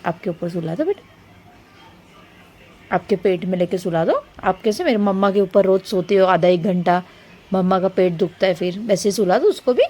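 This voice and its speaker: A woman's voice: mid-range voice, expressive, normal speed, mellow, faint music behind. A woman vlogger at home, talking in a coaxing, questioning way with her small child and then to her viewers. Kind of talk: casual home vlog. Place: home in an apartment building.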